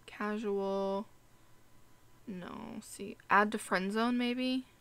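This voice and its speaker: Chatty young woman with bright voice. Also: medium pitch, fairly even intonation, extremely slow, clear, resonant tone. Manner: chatty, rambling, talks to her game characters. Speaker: gaming YouTuber. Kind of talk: casual gameplay commentary. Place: home room. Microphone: desk mic with headphones.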